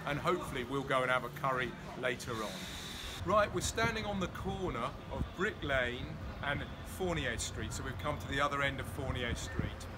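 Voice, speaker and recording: Speaking at normal speed in a mid-range voice, a man in his forties films himself on a phone camera close to his face while guiding a walking tour outdoors. Traffic and street noise fill the background as he casually and enthusiastically explains the city sights, pointing things out along the way.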